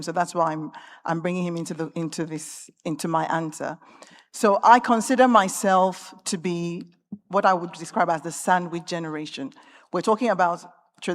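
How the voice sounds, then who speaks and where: Measured woman panelist in hall echo. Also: fairly low pitch. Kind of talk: panel discussion remarks. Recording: long reverb of a conference hall.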